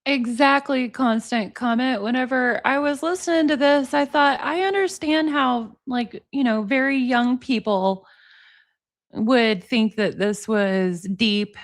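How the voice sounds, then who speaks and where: Slow sarcastic lady in her 40s roasting a clip on stream, kinda high voice. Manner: mocking, deadpan sarcasm. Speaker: streamer reacting to a video. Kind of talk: sarcastic live commentary.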